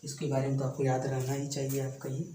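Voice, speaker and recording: A man's voice: medium pitch, completely flat delivery, quick pace, dark tone. A man teaching a maths exam-prep lesson, explaining step by step and asking the class rhetorical questions. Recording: echoey room, mic at a distance, faint room noise.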